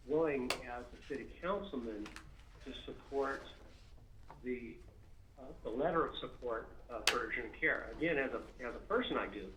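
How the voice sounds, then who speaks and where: Man, city councilman, glitchy cutting-out audio, halting delivery, echoey noisy line. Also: medium pitch. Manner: halting, hesitant, with many restarts. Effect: broken-up remote audio that keeps cutting out. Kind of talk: remote comments at a council meeting.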